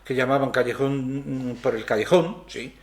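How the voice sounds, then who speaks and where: An older man from Spain, a guest in an interview, telling stories from his childhood in an unhurried, hesitant way with many fillers. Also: medium pitch, gravelly. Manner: rambling, hesitant storytelling. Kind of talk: casual interview.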